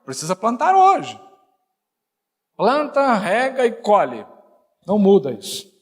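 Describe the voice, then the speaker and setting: A middle-aged male pastor preaching a sermon, joking and conversational, then rising to shouted emphasis. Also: high-pitched, huge pitch swings, slow pace. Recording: long hall reverb.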